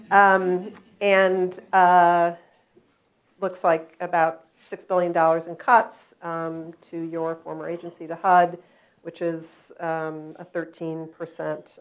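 An older woman interviewing a guest on stage, asking measured questions with many fillers. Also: fairly low pitch, low-quality recording. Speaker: interviewer, moderator. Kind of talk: onstage conversation. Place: stage at a journalism foundation event, seated in armchair.

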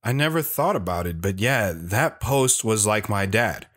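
In an audio drama, a man with a lowish, expressive, fairly bright voice plays a reflective, stoic young soldier and father, delivering first-person narration and dialogue at a moderate pace. His performance is understated, with guitar music underneath.

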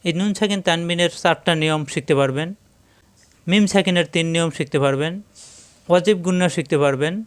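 Guy teaching quran reading, goes syllable by syllable real slow, smooth clear voice. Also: fairly high pitch. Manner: slow, drilling sounds syllable by syllable. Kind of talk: step-by-step tajweed lesson.

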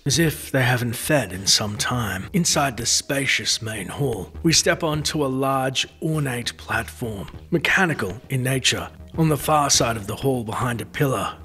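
Bright, forceful male game narrator. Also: mid-range voice, breathy edge. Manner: formal, literary phrasing. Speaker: narrator of a game lore series. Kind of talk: scripted dramatic story narration of gameplay.

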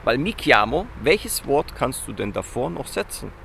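A man teaching basic Italian in a casual video lesson, lively, asking questions and repeating words slowly and loudly. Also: mid-range voice, vocal fry, a little hiss or hum.

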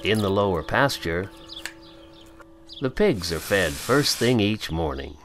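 A man from Canada narrating a scripted promotional voice-over in a calm, measured, unhurried way. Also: fairly low pitch, noisy background.

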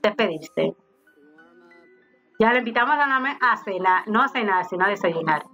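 A woman's voice: medium pitch, animated, moderate pace, bright, forceful tone. A woman giving casual let's-play commentary, chatting to her game characters as she plays. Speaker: gaming YouTuber. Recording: slightly dull home recording with faint game music. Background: faint game music.

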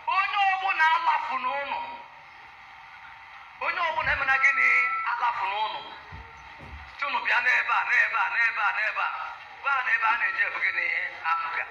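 Emphatic high-voiced Nigerian man at a rally. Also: pushed and bright, a little hiss or hum. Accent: Nigerian, Igbo-speaking. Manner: emphatic, switching between Igbo and English. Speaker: political rally speaker. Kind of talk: impassioned rally speech. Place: large hall with seated crowd. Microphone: handheld mic, far camera. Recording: echoey hall, from far off.

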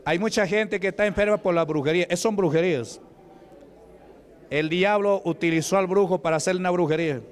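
A man from Peru with a Peruvian Spanish accent, preaching at a church deliverance service, shouting commands and chanting repeated praises. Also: sits high, brisk.

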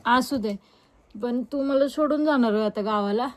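A woman's voice: a little high, moderate pace, a little mellow. A young woman, chatting casually in a family vlog and teasing the kids. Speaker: vlogger.

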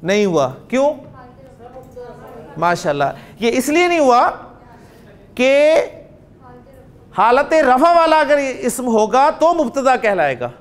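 A man's voice: extremely high pitch, sing-song, slow, long pauses. A man with a Pakistani accent teaching Arabic grammar in a classroom lecture, quizzing his students and dictating phrase by phrase.

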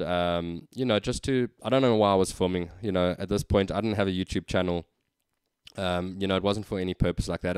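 A man's voice: sits low, smooth, dry recording. A man casually recounting an anecdote, with frequent ums. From South Africa. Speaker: vlogger. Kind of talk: casual storytelling.

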